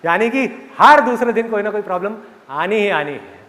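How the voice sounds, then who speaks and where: Animated guy in his 30s from india joking with a crowd, highish voice, big hall echo. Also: moderate pace. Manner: animated, joking, asks the audience questions. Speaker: motivational speaker. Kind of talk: live motivational talk. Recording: reverberant hall with audience.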